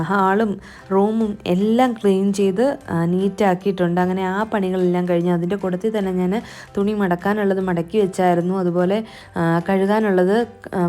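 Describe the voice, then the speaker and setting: Here a woman vlogger who keeps house narrates her daily routine, sounding friendly and talkative. She has a warm, medium-pitched voice and frequently ends lines with a casual tag.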